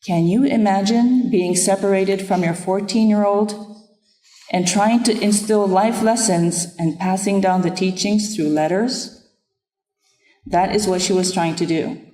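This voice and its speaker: A woman's voice: mid-range voice, a little slow, warm tone. Woman minister preaching in an echoing hall. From Nepal. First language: Japanese. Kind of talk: sermon. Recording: echoey room with long reverb.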